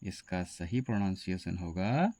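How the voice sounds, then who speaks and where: Male teacher, low-ish voice, dry close sound, deliberate spelled-out pronunciation lesson. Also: lively intonation, warm tone, dry recording. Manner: slow, deliberate, spells words letter by letter.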